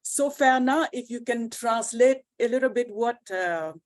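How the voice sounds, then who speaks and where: A woman's voice: a little high, measured pace. A woman hosting a talk show in a casual conversational style.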